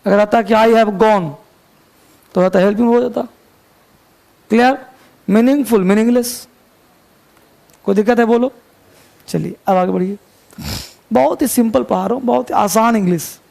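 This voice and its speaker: A man's voice: high voice, moderate pace, creaky, pauses often, a little mellow. A man teaching an English grammar class, chatty and joking, quizzing his students as he goes. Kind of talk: classroom lecture.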